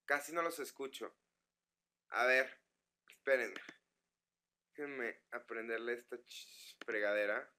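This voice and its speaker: A man's voice: mid-range voice, takes it slowly, long pauses, bright, forceful tone. A man with a northern Mexican accent chatting casually with fans on a live webcam stream, stumbling over his words as he reads their messages aloud. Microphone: computer microphone.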